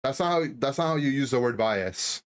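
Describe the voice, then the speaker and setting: A man's voice: mid-range voice, animated, a little fast, slight background noise. A man live-streaming a video game, casually chatting and teasing his viewers as he answers their messages. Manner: teasing, reads and answers chat.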